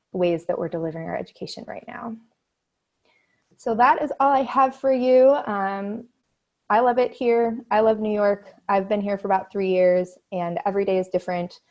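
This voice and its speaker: A woman's voice: on the low side, a little mellow, highs cut off. A woman representing a university, giving an upbeat, chatty webinar presentation from home over a video call.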